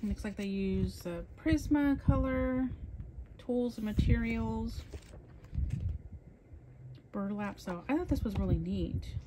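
A coloring channel host shows off a casual coloring book haul, chatting enthusiastically as she flips through her purchases. Her voice is a little high and slow with long pauses, over a noisy background.

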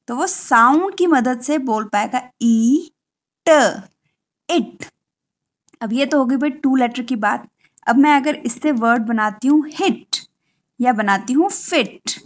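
A young woman in a home tutorial, chatting as she explains and slowly sounding out letter sounds. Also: a little high. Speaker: teacher and channel host.

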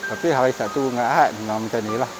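Out on forest park trails beside a cave, a masked middle-aged vlogger talks casually in a northern Malaysian Malay accent, his camera held at arm's length. His mid-range voice moves at a quick pace over background music, and the recording quality is rough.

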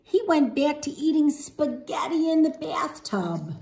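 A woman teacher in her fifties sits in a spacious open living room at home, its echo audible, reading a picture book aloud to kids. Her voice sits high, sounding creaky, darkish, and sing-song at a measured pace, and she adds dramatic emphasis and asks the listeners questions.

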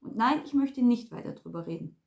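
A woman's voice: fairly high pitch, expressive, brisk, vocal fry, a little mellow. A woman doing a cocky, teasing male detective. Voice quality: teasing, mock-Swabian.

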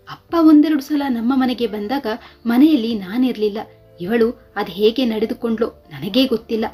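A woman's voice: a little high, dark tone, slightly rough. Woman reading as a bitter young husband. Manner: bitter, complaining. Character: resentful young husband, stubborn.

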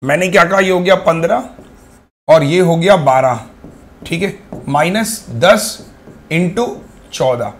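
A man's voice: on the high side, takes it slowly, pauses often. A young man teaching maths for bank exams in an online class, chatty and coaxing his students, often counting items aloud. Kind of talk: online exam-prep class.

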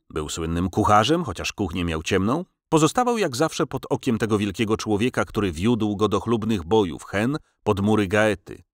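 Lively low-voiced man narrating a novel. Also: no echo, clean studio sound. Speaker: audiobook narrator. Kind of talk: scripted literary narration. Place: recording studio.

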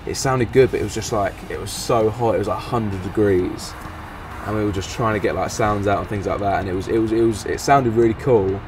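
A young man with a London accent, casually recounting his band's first days in a relaxed, rambling way full of fillers. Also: fairly low pitch, a little fast, far from the mic, background noise. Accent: London English. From England. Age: young adult. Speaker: band member. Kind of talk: casual recap interview. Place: outdoor garden seat in warm sun.

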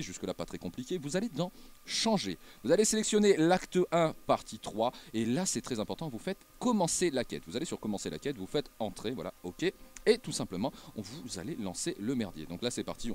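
A man talks viewers through a video game run in relaxed, slangy commentary. He speaks quickly and his pitch jumps up and down constantly. His humor is crude and cheeky. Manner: crude joking slang, lively swings in pitch. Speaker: gaming YouTuber. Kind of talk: casual gameplay commentary.

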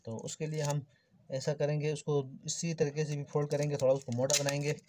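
In a brisk, slightly high voice with little pitch movement, a man explains an electrical repair step by step in an informal hands-on tutorial, speaking to viewers as friends. Clicks and obvious background noise run through the recording.

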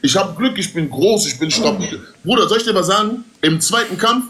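A man with a fairly high, very lively voice talks on a casual group livestream. He coaches emphatically, in street slang peppered with Arabic oaths. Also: a little fast, slight background noise. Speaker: boxer giving fight advice.

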